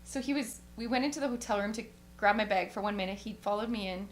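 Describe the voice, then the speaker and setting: A woman guest musician telling a story in animated fashion, acting out the quotes with big swings in pitch. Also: fast, a little hiss or hum. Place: radio studio. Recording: roomy studio.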